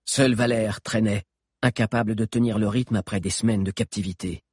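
A man narrating an adventure audiobook with an expressive, dramatic reading. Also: lowish voice, moderate pace, slightly rough, no room sound, studio quality. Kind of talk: scripted narration.

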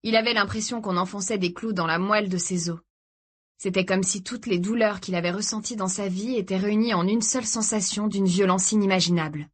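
Woman reading a thriller audiobook, steady even storytelling, mid pitch. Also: a little fast, husky. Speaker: audiobook narrator. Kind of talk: scripted narration.

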